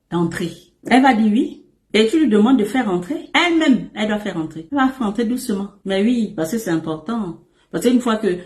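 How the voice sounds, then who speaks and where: A woman relationship coach giving casual advice to men, emphatic and repetitive, often calling the listener her emperor, with playful asides. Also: mid-range voice. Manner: animated and playful, with asides and laughs. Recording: echoey room.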